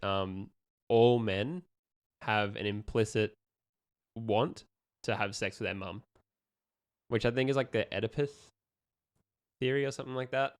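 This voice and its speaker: A young man, talking in a rambling, easygoing way full of ums and restarts. His voice sits low and comes through smooth and clear. The sound is close and dry, with no room around it. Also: no room sound. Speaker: podcast co-host asking questions. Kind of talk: casual chat.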